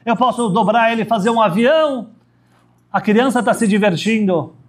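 A man giving a sermon as a rabbi, telling a story dramatically and swinging from high emphatic peaks to low, quiet phrase endings. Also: moderate pace.

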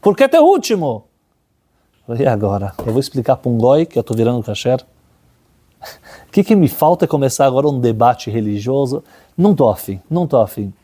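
Man, religious teacher, lively storytelling sermon, husky and mellow tone, acts out the characters. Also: mid-range voice, brisk. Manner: animated storyteller, voices characters in dialogue.

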